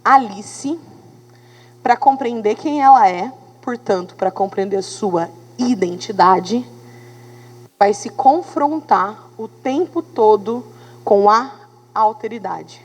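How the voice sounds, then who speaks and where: A woman teacher with a Brazilian Portuguese accent, giving an animated classroom lecture and checking in with her students as she goes. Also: medium pitch, slow, in a large hall, rough recording. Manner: animated, talks to students with tag questions.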